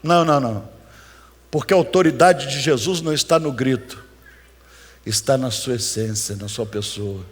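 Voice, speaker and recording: A man with a Brazilian accent preaching a sermon as pastor, dramatic and animated, rising to shouts. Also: mid-range voice, moderate pace, breathy edge. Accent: Brazilian Portuguese. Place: church. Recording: echoey church hall.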